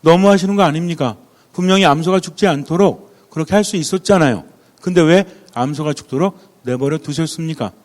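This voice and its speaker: A priest voicing an indignant young angel. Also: male voice, medium pitch, steady tone, brisk, warm tone, long reverb tail, close to an everyday voice. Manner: pleading, then protesting hotly.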